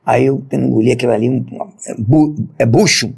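A man, a police officer telling coarse, animated stories on an interview show and acting out the voices of others. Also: mid-range voice, a little fast, creaky, slightly rough. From Brazil. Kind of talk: casual storytelling interview.

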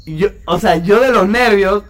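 Young guy, high voice, spinning a story on a podcast, slangy and animated, laughs nervously. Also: moderate pace. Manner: animated, slangy, acts out his own past lines with nervous laughs. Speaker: podcast co-host telling a story. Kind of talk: casual storytelling among friends.

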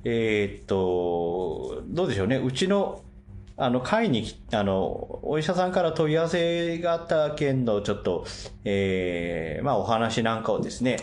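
A man's voice: on the low side, expressive, measured pace, darkish tone. A man co-hosting a casual podcast chat among acupuncturists, speaking politely and laughing often. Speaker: acupuncturist and co-host.

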